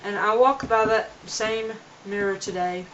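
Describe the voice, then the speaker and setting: Talking a little slowly in a mid-range, slightly bright voice, a young woman earnestly rambles through a casual home vlog, restarting sentences along the way. The camera mic captures dull lo-fi sound with slight background noise.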